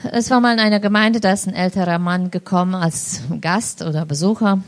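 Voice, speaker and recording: A woman interprets a sermon, following each of the preacher's phrases. Her voice is steady and clear at a middle pitch. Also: fairly quick.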